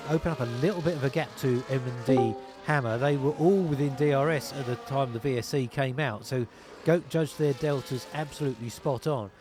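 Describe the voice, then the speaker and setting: A man calling an online sim racing league race, narrating positions, tyres and penalties in steady play-by-play over a headset. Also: medium pitch, fairly quick, over music. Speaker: lead commentator.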